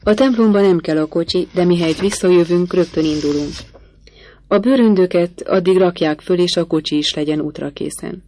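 A woman reading the lines of an impatient, brusque gentleman bridegroom who gives curt, commanding orders. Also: lowish voice, close to an everyday voice.

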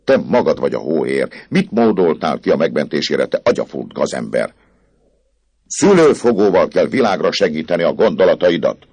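A man's voice: deep voice, sing-song, a little mellow, dry recording, pitched above the performer's own voice. A man voicing a stern, impatient middle-aged archdeacon who speaks curtly and harshly. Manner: curt, harsh, commanding.

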